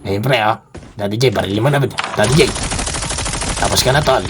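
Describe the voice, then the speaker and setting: A man with a Filipino accent giving casual, playful commentary while streaming a mobile shooter game, teasing opponents and jumping higher in firefights. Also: moderate pace, background noise. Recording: gunfire sound effects behind.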